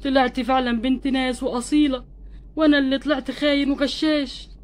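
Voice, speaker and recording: A sick, remorseful young husband doll, voiced by a woman who pleads and complains in an Egyptian Arabic accent. The voice sits high and runs quick, a homemade doll-play story with an earnest emotional tone. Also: little pitch movement, a little mellow, lightly acted. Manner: plaintive, pleading, tearful when moved.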